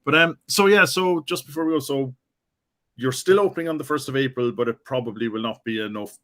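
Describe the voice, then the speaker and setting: A man's voice: medium pitch, fast talker, a bit bright. A man hosting a casual live-streamed interview, friendly and hesitant, with many ums. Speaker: podcast host.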